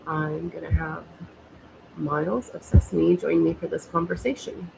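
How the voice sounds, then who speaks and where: Nasal, gravelly-voiced American woman with a cold. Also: low voice, flat delivery, a little slow, a little mellow, slight background noise, poor audio. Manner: rambling, hesitant, many fillers. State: has a cold. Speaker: host. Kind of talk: casual conversational talk.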